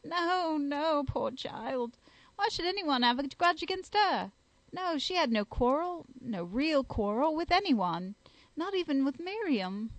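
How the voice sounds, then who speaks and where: A woman's voice: high voice, sing-song, dry recording, pitched above the performer's own voice, heavily acted. A woman reading an audiobook, voicing a distraught landlady who sobs and stammers through her answers. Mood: sobbing. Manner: tearful, halting. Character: distraught older landlady, sobbing.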